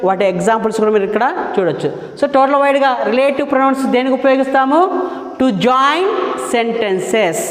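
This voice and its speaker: A male grammar teacher explains a lesson in a question-and-answer style, asking his listeners questions, answering them himself, and repeating key terms. He slows down to dictate English definitions. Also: very high voice. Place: room with a board. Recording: echoey room with long reverb.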